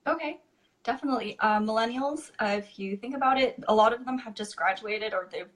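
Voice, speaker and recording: A woman's voice: on the high side, fairly quick. A woman in her twenties from California, a guest chatting easily in an interview, often saying "you know" and "like". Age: 20s. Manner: easygoing, frequent "you know" and "like". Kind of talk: casual interview chat.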